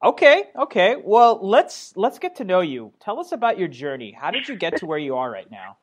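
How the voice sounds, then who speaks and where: A man's voice: sits high, sing-song, moderate pace. Upbeat male podcast host. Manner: upbeat and enthusiastic, loose with fillers. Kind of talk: interview hosting.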